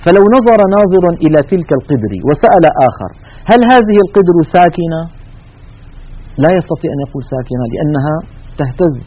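Male tajweed teacher, quick and methodical, slightly high voice, lo-fi sound. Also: lively intonation. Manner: methodical, explains with spoken examples. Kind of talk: recorded lecture with slides.

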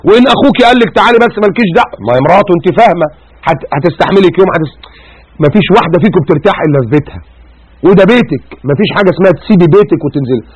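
Egyptian preacher guy talking super fast, highish raspy voice, animated, lots of rhetorical questions. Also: no echo, muffled recording. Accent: Egyptian Arabic. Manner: animated, rhetorical questions, repeats words for emphasis. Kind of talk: colloquial religious advice talk.

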